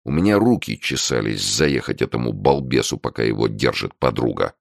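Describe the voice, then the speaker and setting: Very deep, gravelly male narrator. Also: expressive, a little fast, dry recording, clean studio sound. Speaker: audiobook narrator. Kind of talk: first-person audiobook narration.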